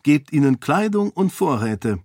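A man's voice: fairly high pitch, big pitch swings, unhurried, darkish tone, no echo, studio quality, pitched above the performer's own voice, heavily acted. A man voicing a resolute young princess who argues firmly and urgently with a council of lords. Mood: firm persuasive. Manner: firm, persuasive, urgent.

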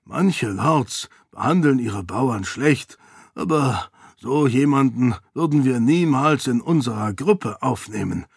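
A man's voice: mid-range voice, lively intonation, slow pace, gravelly, slightly rough, no echo, exaggerated voice. A man voicing a wry, teasing nobleman who cautions his peers. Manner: warning, dry teasing.

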